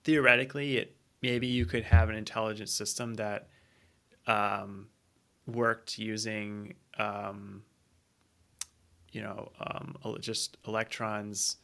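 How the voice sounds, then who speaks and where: A man's voice: fairly low pitch, a bit bright. A man speaking as a researcher guest on a podcast, thinking aloud in a hesitant way with many ums. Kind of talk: casual interview conversation.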